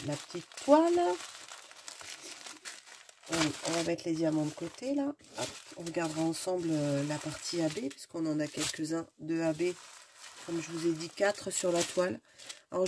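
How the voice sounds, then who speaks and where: A woman's voice: deep voice, mellow, a little hiss or hum. Sniffling French-speaking woman unboxing crafts. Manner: chatty, enthusiastic, searching for words with many fillers. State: stuffy, sniffling. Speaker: craft video host. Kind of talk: casual unboxing chat.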